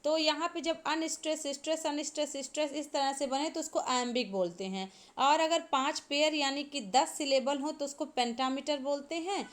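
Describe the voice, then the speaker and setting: High-voiced woman teaching an exam class. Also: normal speed, hardly any pauses. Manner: explains step by step, repeats points, asks the class to answer. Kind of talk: exam-prep lecture.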